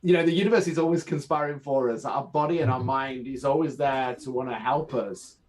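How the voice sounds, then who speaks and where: Male coach guest on a remote call, mid pitch, earnest and reflective, poses rhetorical questions. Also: brisk, poor audio. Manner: earnest, rhetorical questions, acts out inner voices. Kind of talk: reflective interview talk.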